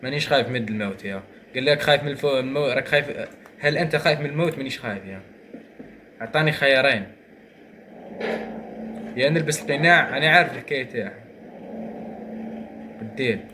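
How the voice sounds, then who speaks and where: Fast-talking Algerian gamer, noisy mic. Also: male voice, mid-range voice. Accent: Algerian Arabic. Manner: excitable, muttering to himself, swings from grumbling to shouting. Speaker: gaming streamer. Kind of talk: gameplay commentary.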